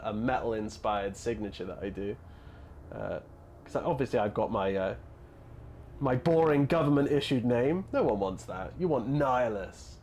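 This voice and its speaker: A man in his thirties chatting casually on a live stream, rambling with lots of fillers and answering viewers' messages. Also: mid-range voice. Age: 30s. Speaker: hobby streamer.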